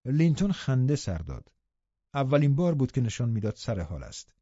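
A man reads a novel aloud in a steady, even narration. His voice is mellow and dark, recorded dry with no room sound, and the audio is dull and lo-fi. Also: mid-range voice, slightly rough, no room sound. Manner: steady storytelling reading. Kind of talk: scripted narration.

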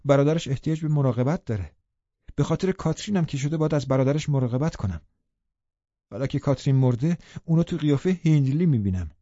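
A man's voice: a little high, expressive, mellow, dry recording, dull audio. A man voicing a distressed, defiant young woman in an audiobook, speaking in a heated, pointed way.

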